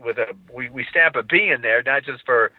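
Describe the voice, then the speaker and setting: A man's voice: medium pitch, normal speed, no room sound. A man talking as a podcast guest, explaining at length and often restarting his sentences with repeated words. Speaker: charcoal company representative. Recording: tinny phone-line sound, dry.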